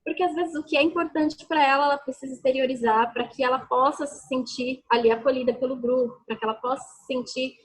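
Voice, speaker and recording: A woman educator answers interview questions in a relaxed, explanatory way. Her voice sits a little high and has a husky, breathy edge. She often ends her points with a quick tag question. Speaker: educator guest.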